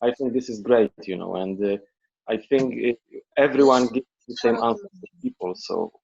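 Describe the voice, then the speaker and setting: A man on a video call, halting and searching for his words. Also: mid-range voice, animated, creaky, darkish tone, breathy edge, dull audio. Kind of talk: casual chat on a video call.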